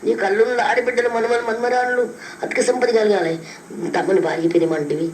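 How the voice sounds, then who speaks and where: A woman's voice: a little high, fast, a little mellow. A woman spiritual teacher, giving fervent devotional blessings and repeating phrases over and over. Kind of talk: devotional blessing, repetitive chanting. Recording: echoey room with faint background noise.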